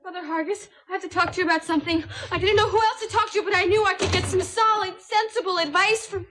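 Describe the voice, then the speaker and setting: A woman's voice: very high voice, steady tone, quick pace, bright, forceful tone, soft background music. An actress playing an earnest, dramatic teenage girl in a 1980s sitcom scene, worried and pleading. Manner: earnest and distressed.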